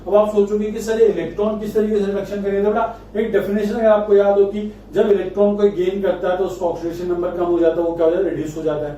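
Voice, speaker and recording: A man's voice: sits high, level tone, quick pace, few pauses, mellow, highs cut off. A man teaching chemistry in speech, coaxing students and answering his own questions. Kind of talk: classroom lecture. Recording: echoey room, distant mic, faint noise.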